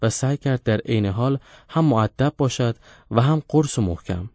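A man narrating a storybook in a steady, measured reading. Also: medium pitch, dry recording. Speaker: audiobook narrator.

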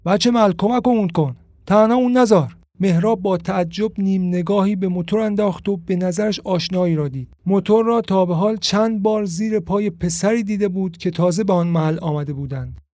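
A man reading a novel aloud as an audiobook narrator, in steady, measured narration. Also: high-pitched, dry recording, clean studio sound. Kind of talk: storybook narration.

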